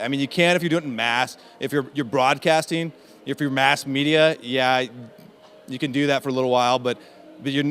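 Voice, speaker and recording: Guy chatting at a conference interview, lots of ums and restarts, mid pitch. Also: fairly bright tone. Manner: chatty, halting, many fillers and restarts. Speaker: interview guest, in-house SEO specialist.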